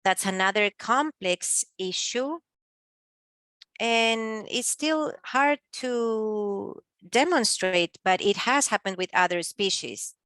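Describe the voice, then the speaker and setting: A woman giving simultaneous interpretation of a panel discussion, speaking haltingly with pauses and filler sounds. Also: mid-range voice, a bit bright, no echo.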